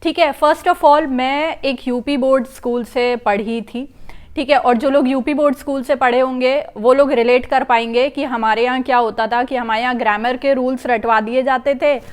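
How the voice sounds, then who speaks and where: High-voiced young woman vlogging chattily. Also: fairly even intonation, moderate pace. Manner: chatty, mixes English phrases into speech. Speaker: vlogger giving English-speaking tips. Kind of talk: casual explanatory talk to camera.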